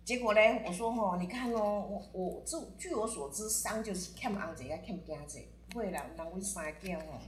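Taiwanese woman telling lively stories in a roomy echo. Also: medium pitch, brisk, few pauses, a little hiss or hum. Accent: Taiwanese Mandarin. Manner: lively storyteller who mixes in Taiwanese Hokkien words. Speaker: guest telling stories about friends and astrology. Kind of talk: casual podcast storytelling.

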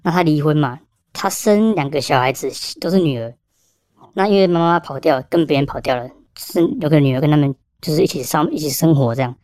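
A man with a Taiwanese Mandarin accent, a police officer telling stories in a rapid, animated way, mixing in Hokkien phrases. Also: fairly high pitch, dry recording, studio quality. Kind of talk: casual storytelling.

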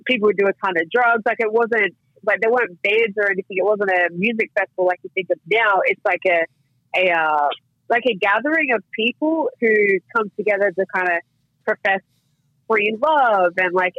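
A woman's voice: medium pitch, no room sound, dull audio. An Australian woman in her thirties, a guest chatting casually on a podcast, saying "like" and "you know" a lot and swearing freely. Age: 30s. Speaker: guest, professional fighter.

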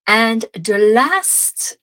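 A woman with a French accent hosting an advice podcast, talking gently with restarts, then guiding a slow breathing exercise. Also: a little high, lively intonation, rough recording. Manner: gentle, warm, meandering with restarts. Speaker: podcast host. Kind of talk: casual advice podcast with guided visualization.

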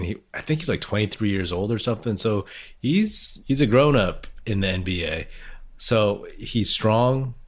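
Male sports podcast host, low husky voice, informal conversational fan commentary. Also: a bit bright. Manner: conversational fan talk with loose, informal phrasing. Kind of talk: casual solo basketball commentary.

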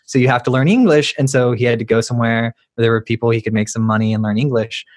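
A man hosts the interview in an easygoing, chatty way. His voice sits at a middling pitch, and he often drops "like" into his questions. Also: steady tone, quick pace. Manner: casual, chatty, uses "like" often. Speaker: interview host. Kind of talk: conversational interview.

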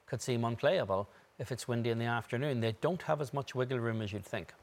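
A man's voice: medium pitch, quick pace. A man speaking as a golf analyst, giving analytical commentary on the broadcast.

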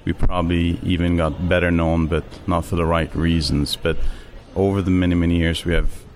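A middle-aged man from Norway with a Norwegian accent, answering interview questions in a measured way with many fillers and restarts. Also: low-pitched, flat delivery, a little hiss or hum. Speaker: interview guest, sports official.

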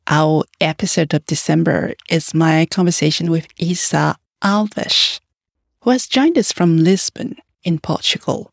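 A woman's voice: on the low side, dry recording, clean studio sound. A woman hosting a business podcast, reading a scripted welcome and then asking her guest conversational questions. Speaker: podcast host. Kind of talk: podcast interview.

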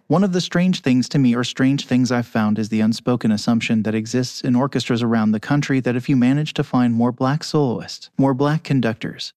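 An anonymous male conductor whose voice is electronically disguised, giving measured, articulate interview answers over a remote call. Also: medium pitch, a little mellow, dry recording. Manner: measured, articulate, argues at length. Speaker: orchestra conductor, anonymous guest. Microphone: remote call with camera off.

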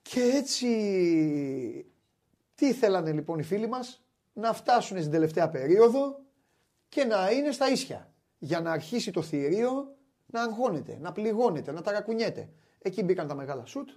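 Animated man hosting sports chat. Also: high voice. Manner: animated, wry, many restarts. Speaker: sports show host. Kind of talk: casual basketball chat.

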